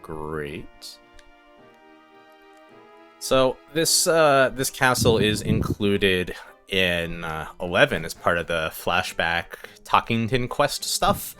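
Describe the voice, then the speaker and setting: A man's voice: lowish voice, sing-song, takes it slowly, pushed and bright, soft background music. A man hosting a casual let's play, rambling with lots of fillers and chuckles as he plays. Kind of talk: casual gameplay commentary.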